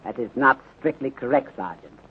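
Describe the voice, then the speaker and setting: An actor with a husky, mid-range male voice plays a calm, courteous, bulky detective inspector in a 1930s radio drama. He speaks formal, deliberate English that drops articles, heard through a tinny, narrow-band 1930s radio recording.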